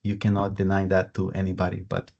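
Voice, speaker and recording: This is a man from Costa Rica speaking English with a Spanish accent on a webinar panel. His voice sits low, with a gravelly fry. He talks earnestly, often repeating a word before going on, and the call audio is dull and lo-fi. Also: monotone, quick pace, darkish tone. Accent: Costa Rican Spanish. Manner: earnest, with repeated words and restarts. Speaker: sustainability lead at a coffee importer. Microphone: video call.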